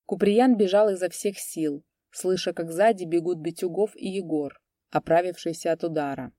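A woman reading a story aloud as its narrator, in a measured, dramatic storytelling manner. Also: on the low side, dark tone, no room sound, studio quality. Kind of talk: scripted audiobook narration.

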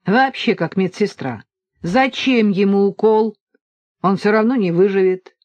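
In an audiobook, a woman reads as a grumbling, sarcastic guard who mocks and threatens. His lines are delivered slowly and deliberately on a dry, muffled recording. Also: mid-range voice, a little mellow, no room sound, lightly acted. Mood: sneering. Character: low-voiced male prison guard, gruff and mocking. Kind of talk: audiobook reading.

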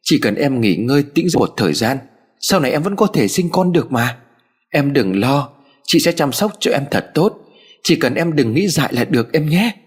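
In a storybook audio tale, a man pushes his husky, mid-range voice upward to play an older mistress of the house. He speaks animatedly and fairly quickly, hiding her scheming behind soothing, honeyed, tearful apologies that are falsely sorry.

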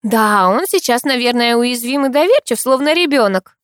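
A woman's voice: a little high, animated, moderate pace, no echo, studio quality, voice pushed up, natural voice. A woman reading a playful, teasing young woman friend in an audiobook. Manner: teasing, giggly.

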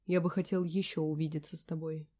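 A woman's voice: on the low side, fairly even intonation, a little fast, mellow, lightly acted. A woman reading a charming, easygoing young man teasing a girl on the phone in an audiobook, with a velvety voice. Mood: reassuring. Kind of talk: audiobook character voice.

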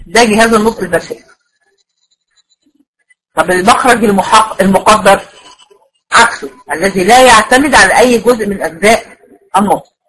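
A woman's voice: medium pitch, fairly quick, pauses often, fairly bright tone, husky, rough recording. An Egyptian woman teaching a tajweed lecture to female students, explaining step by step and often checking that they follow. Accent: Egyptian Arabic. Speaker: Quran recitation teacher.

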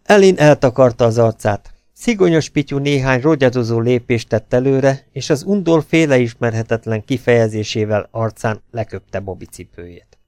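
A man's voice: medium pitch, a little mellow, clear, resonant tone, dry recording. Dry, close male audiobook narrator. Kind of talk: scripted narration of a pulp novel.

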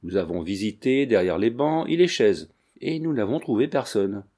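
A man reading the part of a frightened male servant who speaks in a halting, deferential, fearful way. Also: fairly low pitch, lively intonation, warm tone.

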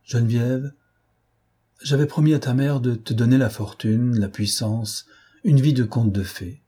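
A man voicing a weary, remorseful gentleman thief in an audiobook, speaking gravely and sorrowfully. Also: mid-range voice, fairly even intonation, measured pace. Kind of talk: audiobook character voice.

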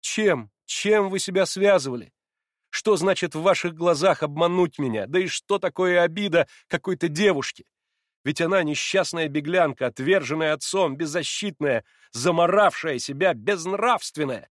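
Brief: man reading as a proud young woman, bitter and reproachful, fairly high voice, dry close sound. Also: normal speed, no room sound, close to an everyday voice. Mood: indignant. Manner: impassioned, reproachful. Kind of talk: audiobook reading.

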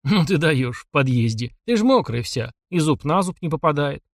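A man's voice: fairly high pitch, animated, moderate pace, no echo, studio quality. Man doing a sly joking night driver. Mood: probing. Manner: chatty, teasing, probing.

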